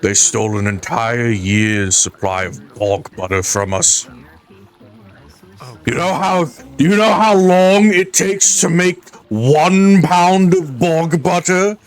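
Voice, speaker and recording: A man's voice: on the high side, slow pace. A man playing a proud bog-folk mage in live fantasy role-play, speaking in a declarative, explanatory way. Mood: indignant.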